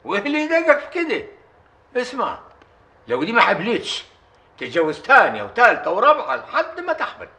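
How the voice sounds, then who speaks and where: A stubborn bedridden old chief. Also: male voice, very high-pitched, huge pitch swings, fast talker, pushed and bright, heavily acted. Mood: scolding. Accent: Upper Egyptian. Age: older. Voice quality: commanding, scolding. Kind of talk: period TV drama acting.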